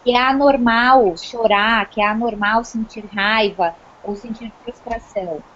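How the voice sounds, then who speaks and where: A woman's voice: fairly high pitch, a little slow, a bit bright. A young pregnant Brazilian woman with a Brazilian Portuguese accent, chatting on a parenting panel in a personal, talkative way full of tag questions. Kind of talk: casual panel chat. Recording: muffled, slightly noisy recording.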